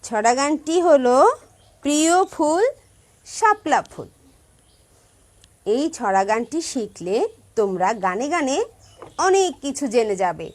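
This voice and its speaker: A woman's voice: high voice, sing-song, unhurried, pauses often. A woman music teacher giving a song lesson to primary school children, patiently stressing careful pronunciation and checking in with her pupils. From Bangladesh.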